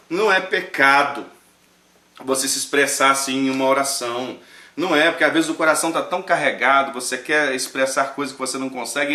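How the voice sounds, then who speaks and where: Animated Brazilian preacher, bright echoey voice. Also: male voice, medium pitch. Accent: Brazilian Portuguese. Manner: animated, joking, swings between loud and hushed. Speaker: pastor and show host. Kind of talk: casual sermon-style commentary.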